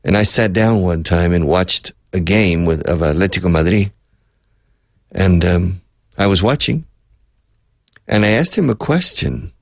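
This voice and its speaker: A man's voice: low voice, expressive, unhurried, vocal fry, pauses often, no echo, clean studio sound. An older man, a radio host, telling a rambling personal story from his youth and correcting himself as he goes. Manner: rambling, reminiscing, with self-corrections. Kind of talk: storytelling monologue.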